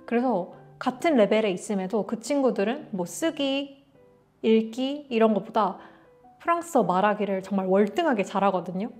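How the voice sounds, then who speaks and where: A woman's voice: mid-range voice, normal speed, soft background music. A young woman from Korea telling a story to camera in a casual vlog, acting out bits of dialogue as she goes. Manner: animated, acts out dialogue in quotes. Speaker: vlogger.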